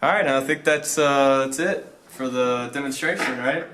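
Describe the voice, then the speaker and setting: In an informal presentation of a student project, a young adult man speaks off-the-cuff and laid-back, pausing hesitantly. His voice is at a typical male pitch and a bit bright.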